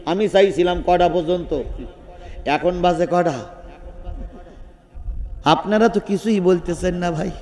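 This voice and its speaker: A man preaching a Bengali waz sermon at an outdoor gathering, telling stories with animated force, shouting at the peaks and questioning the crowd through a microphone. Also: sits high, measured pace, pauses often, in a large hall.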